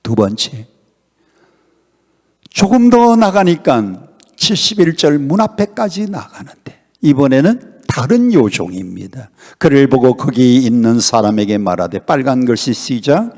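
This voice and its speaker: Older male elder pastor, revival preacher; animated delivery with big pitch leaps, heard with long church-hall reverb. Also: measured pace. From Honam, South Korea. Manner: emphatic preaching with sudden pitch leaps and questions to the congregation. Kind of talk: revival sermon. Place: church sanctuary at a revival meeting.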